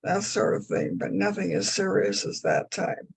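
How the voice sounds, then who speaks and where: A woman aged 101 with a very old, gravelly, low voice, answering interview questions and reminiscing in a halting, hesitant way. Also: sing-song. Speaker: interview guest.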